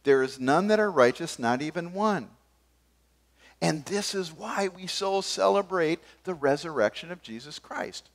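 An older man preaching a sermon from a church pulpit, gesturing as he moves between forceful emphasis and sudden quiet asides. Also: a little high, expressive, measured pace. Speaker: pastor. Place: church stage behind a wooden pulpit.

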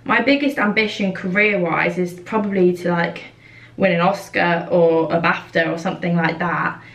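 A woman's voice: lowish voice, fairly even intonation, normal speed. Chatty woman, roomy distant sound. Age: 20s. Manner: chatty, with frequent fillers. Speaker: vlogger. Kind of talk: casual chat while doing makeup.

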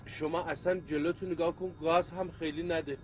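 A man's voice: on the high side, steady tone, natural voice. An actor playing a middle-aged man who poses as an airline captain, polite but bossy, repeating courtesies.

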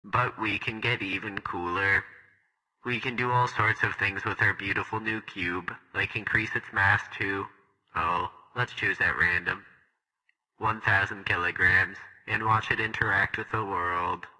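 A man's voice: sits low, steady tone, a little slow, bright, forceful tone, exaggerated voice, poor audio. Director Bot, a man doing a bragging robot voice. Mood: boastful. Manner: grandiose, self-praising announcer delivery. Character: boastful cheerful male robot guide. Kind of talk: scripted demo narration.

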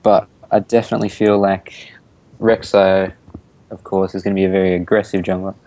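A teenage boy with an Australian accent, commentating a school esports match in a relaxed, easygoing way. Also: low voice, a little fast, dry recording, poor audio. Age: teens. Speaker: student shoutcaster.

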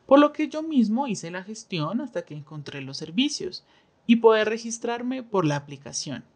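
A woman interpreting a signed interview aloud in the first person, with a measured, steady delivery and pauses. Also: medium pitch. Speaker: sign language voice interpreter.

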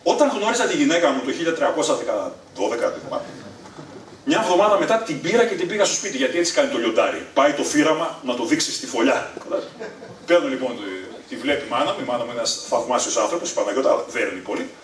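A middle-aged man from Thessaloniki, Greece, telling funny family stories live on stage, animated and leaping to a high excited pitch at punchlines. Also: distant mic, a little hiss or hum. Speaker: stand-up storyteller. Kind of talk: live stand-up storytelling. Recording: echoey room, voice from afar.

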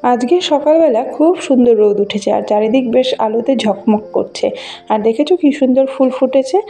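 A Bengali village vlogger narrates a casual walk through a rural garden and fields, chatting straight to viewers as she shows them things, gently enthusiastic at normal speed. Her fairly high voice sounds soft and mellow, captured on a handheld phone with faint music running underneath.

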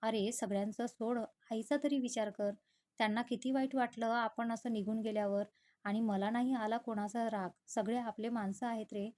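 A woman voicing a patient, forgiving young wife who speaks softly and coaxingly. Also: a little high, steady tone, moderate pace, close to an everyday voice.

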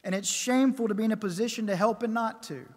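A man preaching a sermon at a pulpit microphone, measured and emphatic, building his points with repeated phrases. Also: high voice, a little mellow. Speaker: pastor. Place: church sanctuary. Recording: long church reverb.

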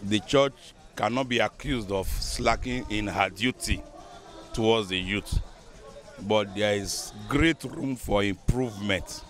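A man's voice: fairly low pitch, slow, a bit bright. A Nigerian man in his fifties, a bishop, speaking earnestly and measuredly in an outdoor news interview into a handheld microphone. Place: outdoors beside a building.

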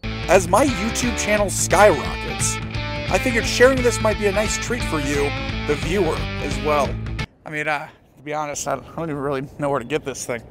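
A man's voice: a little high, a little fast, over loud music. A young man hosting a vlog, moving between narration and casual chat. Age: young adult. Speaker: vlog host.

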